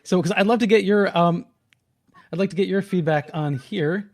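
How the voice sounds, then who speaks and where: High-pitched male voice, radio host, live call-in show, chatty, excitable. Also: normal speed. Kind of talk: live late-night call-in radio hosting.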